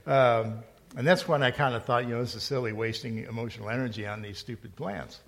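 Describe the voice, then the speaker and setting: A man's voice: medium pitch, fairly even intonation, a little fast, creaky. A middle-aged male pastor preaching a sermon in a conversational storytelling way, rising to emphatic points. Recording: long hall reverb.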